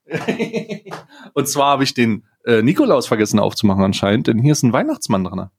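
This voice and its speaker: A man hosting a casual chat, excitable and scatterbrained as he unboxes an advent calendar, laughing often. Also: mid-range voice, fast talker, breathy edge. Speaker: podcast host.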